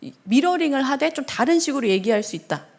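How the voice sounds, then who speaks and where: Woman pastor lecturing in a church hall, lively and questioning, voice sits a bit high. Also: fast. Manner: animated, acts out quoted dialogue in changing voices; asks the audience questions. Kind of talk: seminar lecture to a congregation.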